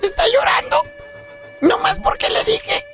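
A man voicing a cheeky little boy in a joke, in a squeaky childish whine. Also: very animated, measured pace, music in the background, full character voice. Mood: whiny.

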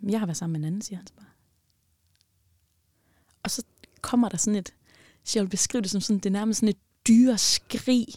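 A woman telling a personal story in casual podcast chat, animated and swinging between loud bursts and near-whispers. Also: mid-range voice, long pauses, dry recording, clean studio sound.

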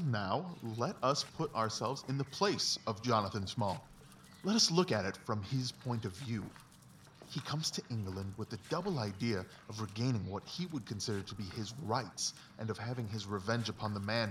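A man's voice: on the low side, animated, normal speed, a bit bright. Distant-sounding Sherlock Holmes, precise and confident man acting. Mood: intent reasoning. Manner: precise, didactic, emphatic. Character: confident, analytical Victorian male detective. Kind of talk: dramatised literary audiobook dialogue. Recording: distant mic, faint background noise.

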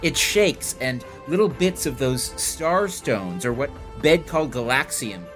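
Male game master: playful, vivid scene-setting, animated intonation, soft music bed. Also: mid-range voice, unhurried. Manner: playful, descriptive. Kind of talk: narrating an improvised tabletop game.

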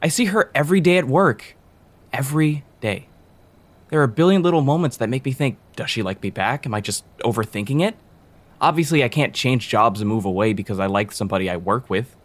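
A man's voice: medium pitch, fairly quick, natural voice. An actor playing an insecure, lovesick young man who rambles nervously and undercuts himself. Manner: rambling, nervous and self-deprecating. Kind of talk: audio drama acting.

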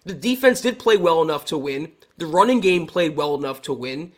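Higher-voiced American man analyzing sports. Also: animated, brisk. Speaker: sports livestream co-host.

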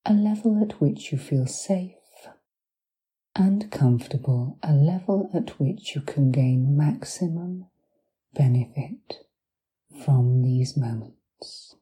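A woman guiding a hypnosis relaxation in a soft, breathy, soothing voice that drifts into whispers, with deliberate pauses between short phrases. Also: sits low, lively intonation, low-quality recording. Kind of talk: guided hypnosis meditation, soft and partly whispered.

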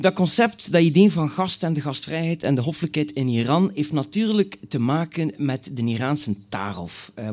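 A Flemish man from Belgium telling an animated stand-up story, acting out the people in it. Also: fairly high pitch.

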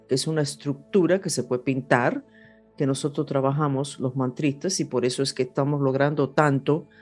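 Music runs under this woman's deep, darkish voice as she gives an unscripted horoscope and spiritual talk. She is an astrologer presenting to an audience in Spanish, which is not her native language.

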